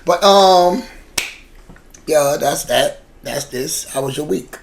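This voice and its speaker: This voice is a podcast co-host with a rough, gravelly edge who chats casually. The talk is slangy, full of swearing, and circles back on the same words while a thought forms. A faint noise sits under the voice. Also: mid-range voice, slow pace. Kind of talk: casual chat.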